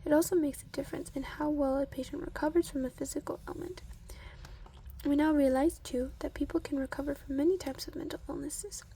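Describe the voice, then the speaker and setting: This ASMR reader is a woman with a high-pitched voice and fairly even intonation. She reads from a book softly and slowly in a breathy tone, often whispering and murmuring asides.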